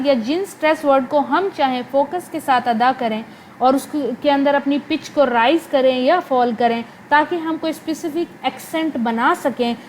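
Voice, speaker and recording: A woman gives a recorded lecture. She explains in a mix of Hindi-Urdu and English terms and draws out her example sentences slowly. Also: high voice, slight background noise, rough recording. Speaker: English literature teacher.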